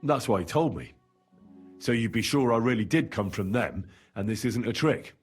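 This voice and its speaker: A man's voice: mid-range voice, animated, normal speed, breathy edge, faint music behind. A male actor playing a confident young medieval adventurer in a video game, courteous but secretive, speaking politely and with purpose. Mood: assured.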